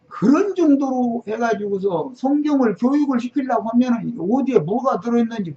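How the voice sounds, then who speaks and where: A woman's voice: mid-range voice, dark tone. A woman preaching a sermon in an emphatic, sarcastic manner, firing off rhetorical questions. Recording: dull lo-fi recording.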